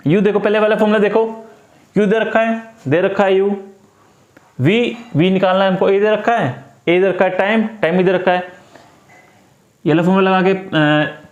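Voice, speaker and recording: Male tutor, high-pitched, patient step-by-step explainer, echoey room. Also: steady tone, moderate pace, long pauses, muffled recording. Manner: repetitive, coaxing, talks through each step. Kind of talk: step-by-step math lesson.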